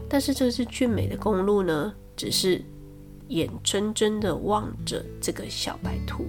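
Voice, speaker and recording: A woman telling a children's fable in a gentle, chatty way with small fillers. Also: mid-range voice. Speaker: storyteller. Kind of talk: children's story reading.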